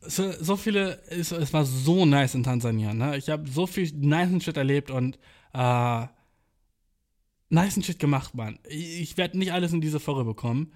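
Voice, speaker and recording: A young man in his twenties with a notably high-pitched voice tells stories in a loose, rambling monologue. He talks in slang, swears freely and fills his sentences with filler words, like a podcast host chatting to his listeners. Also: expressive, moderate pace, darkish tone. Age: 20s. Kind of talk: casual storytelling monologue.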